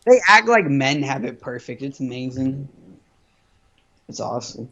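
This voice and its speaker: A man's voice: mid-range voice, sing-song, moderate pace, creaky, sharp tone, a little hiss or hum. A young man co-hosting a casual podcast, joking bluntly with lots of swearing. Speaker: podcast co-host. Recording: dull lo-fi call audio.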